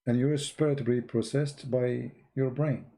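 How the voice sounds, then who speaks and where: A man's voice: medium pitch, fairly even intonation, measured pace, gravelly, warm tone. A man, an English speaker, giving a blunt, emphatic religious talk to an online audience, repeating himself for stress. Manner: blunt, emphatic, repeats words, non-native grammar. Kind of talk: live-streamed religious talk.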